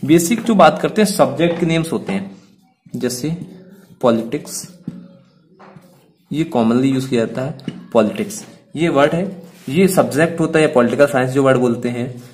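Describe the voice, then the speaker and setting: A man's voice: mid-range voice, moderate pace, pauses often, a little mellow, slight background noise. Hindi teacher guy explaining grammar, indian accent on the english words, asks himself questions and answers them. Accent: Indian English words in Hindi speech.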